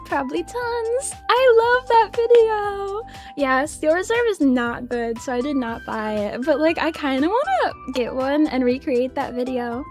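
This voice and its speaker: A young woman VTuber chatting casually on a livestream, excitable and giggly, swearing freely. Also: sits high. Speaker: VTuber streamer.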